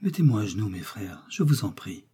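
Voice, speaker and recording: A man's voice: fairly low pitch, big pitch swings, mellow, husky, full character voice. A man reading as a dying, pious old missionary. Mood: weak, resigned. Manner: faint, halting, prayerful.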